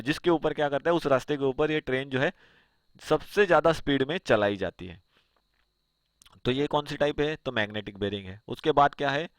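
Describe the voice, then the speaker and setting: A man's voice: a little high, dry recording. A man teaching engineering, asking himself rhetorical questions and answering them as he walks through slides. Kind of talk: explanatory lecture over slides.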